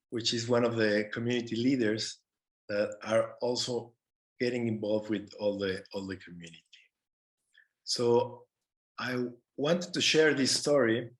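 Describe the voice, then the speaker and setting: A conservation worker speaks slowly as a panelist on an online video call, giving a prepared but informal talk. His voice is medium-pitched and his manner earnest, halting, with repeated words.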